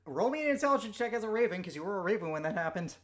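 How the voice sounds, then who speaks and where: A man's voice: sits high, lively intonation, racing. A man running a tabletop game as game master, narrating scenes and rules in a casual way.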